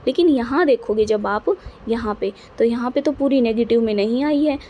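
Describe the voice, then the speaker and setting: The recording sounds lo-fi, with a faint hiss or hum, as a woman with a fairly high voice teaches physics at a normal speed. Her classroom talk is patient and repetitive, and she checks often that her students keep up.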